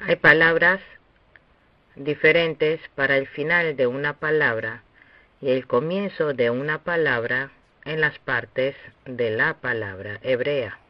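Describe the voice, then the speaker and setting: A man teaching a recorded lesson on Hebrew pronunciation, speaking slowly and deliberately with long pauses. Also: mid-range voice, dry recording. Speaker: Bible language teacher. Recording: dull, dry lo-fi recording.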